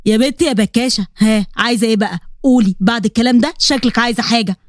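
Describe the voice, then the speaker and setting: Woman putting on a middle-aged egyptian dad, lowered voice, anxious, protective, dry close sound. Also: very fast, dry recording, close to an everyday voice. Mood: teasing. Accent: Egyptian Arabic. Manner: heavy, anxious, pleading.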